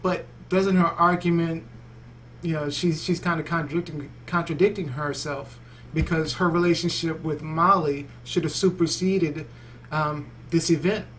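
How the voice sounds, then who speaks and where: Dude on a podcast panel, slightly high voice, lots of "you know", bit of hiss behind. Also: male voice, fairly even intonation, normal speed, fairly bright tone. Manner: chatty, hesitant, full of you-knows. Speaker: podcast co-host. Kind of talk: casual panel chat.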